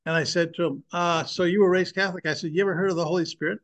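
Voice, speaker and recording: A man's voice: sits high, steady tone, racing, a bit bright. Earnest older man preaching. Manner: earnest and emphatic, addressing listeners as guys. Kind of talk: preaching personal testimony.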